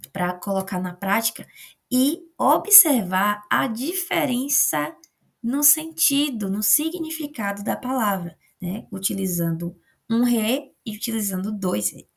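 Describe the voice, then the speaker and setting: A woman teacher with a Brazilian accent speaks in a heavily gravelly voice. Her tone is husky and breathy as she walks adult learners through spelling examples, stretching each word out slowly and deliberately. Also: a little high, animated. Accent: Brazilian Portuguese. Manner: slow, careful enunciation of example words. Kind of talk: remote adult-education spelling lesson.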